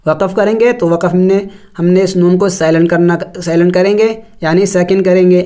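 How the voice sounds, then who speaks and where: A man teaching Quran recitation rules, spelling out letters and vowels slowly and then explaining each rule at a brisk pace. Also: sits high, mellow. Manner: drawn-out melodic recitation of verses. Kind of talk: step-by-step tajweed lesson.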